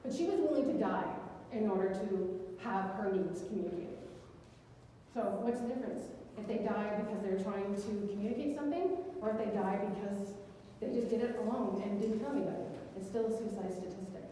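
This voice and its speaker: A woman's voice: medium pitch, brisk, mellow, a little hiss or hum. A woman researcher giving an academic lecture in a conversational way, acting out the words of the people she quotes. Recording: echoey hall picked up from far off.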